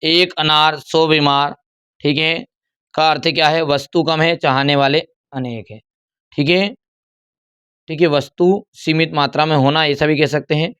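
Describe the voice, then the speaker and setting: A young male teacher works through an exam paper. His voice sits a bit high and sounds smooth and clean. He slows down and repeats key answers as if dictating them to students. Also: fairly even intonation, a bit bright.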